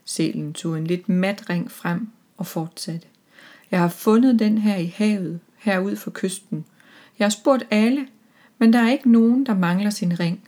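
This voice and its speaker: A woman's voice: medium pitch, dark tone, lightly acted. A woman voicing a friendly seal who loves shiny things, in a children's story. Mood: chatty.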